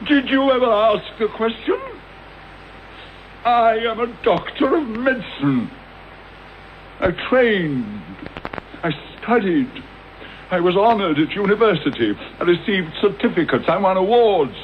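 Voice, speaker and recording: An actor playing a bitter, vengeful middle-aged English doctor in a British radio drama, theatrical and sardonic, with deliberate articulate delivery. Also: male voice, sits high, expressive. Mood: bitter, indignant. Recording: dull, noisy old radio broadcast copy.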